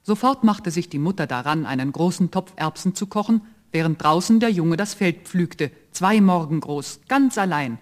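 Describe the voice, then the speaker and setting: A man narrating a fairy tale from a script. His voice is high for a man. He tells the story in an even, steady way. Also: moderate pace, few pauses.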